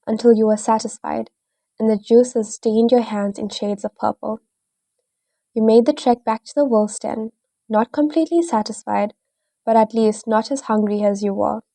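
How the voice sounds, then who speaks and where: A woman narrates an audio story in a steady second-person storytelling style. Her voice is fairly high, with a gravelly edge and a mellow, dark tone. The recording sounds dry and close. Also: no echo.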